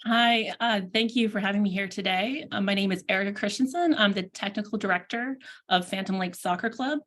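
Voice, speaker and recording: A woman, a youth soccer club's technical director, reading prepared remarks in a steady, earnest way over a video call. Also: mid-range voice, brisk.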